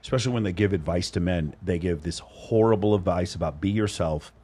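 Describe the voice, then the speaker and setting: A man's voice: deep voice, brisk, dark tone, slightly rough. A man co-hosting a casual interview chat, talking bluntly and rambling, with frequent swearing. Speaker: co-host interviewing women.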